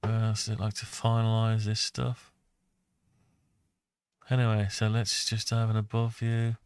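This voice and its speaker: Hosting a CAD design tutorial, a man with a fairly low, flat, clear and resonant voice thinks aloud over the on-screen work, speaking very slowly. He mutters to himself and talks through each step in a casual, unscripted way. The sound is dry and close, with no echo.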